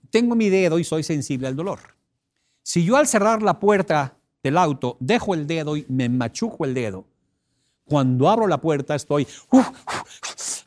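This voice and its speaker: A man's voice: on the high side, darkish tone. A man with a Mexican accent giving a motivational seminar, speaking emphatically and asking the audience questions. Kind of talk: seminar talk.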